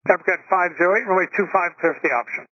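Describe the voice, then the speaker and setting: A man working as an air traffic controller, giving insistent, somewhat halting instructions to pilots over the radio. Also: high-pitched, dry recording. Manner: insistent, halting with repeated starts. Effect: radio transmission. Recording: dry, muffled radio transmission.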